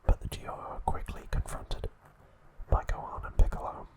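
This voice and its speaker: Whispering softly and breathily, a male host narrates an ASMR recap in a gentle, halting way.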